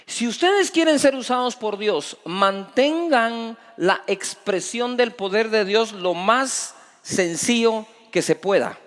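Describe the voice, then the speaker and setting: High-voiced preacher in a reverberant hall. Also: male voice, takes it slowly, hardly any pauses. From Guatemala. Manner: lively preaching, rhetorical questions, shifts between loud and soft. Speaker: pastor. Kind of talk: sermon. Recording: long reverb of a large hall.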